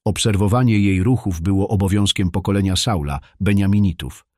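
Brief: male narrator, low voice, dry close sound, steady scripted story reading. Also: brisk, dry recording.

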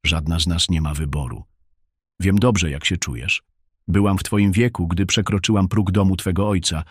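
A man's voice: low voice, normal speed, husky, no room sound, studio quality. A man reading an audiobook, voicing a stern mother who commands her daughter to obey. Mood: firm.

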